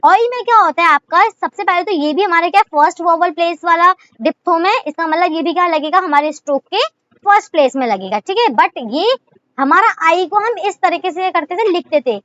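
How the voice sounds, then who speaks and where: A woman with an Indian accent teaches at a very high pitch, walking through each point patiently and answering her own questions as she goes. The sound is a little dull and lo-fi, like a simple home recording. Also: expressive, brisk, fairly bright tone. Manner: explains step by step with frequent rhetorical questions. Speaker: shorthand teacher. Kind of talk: casual video lesson.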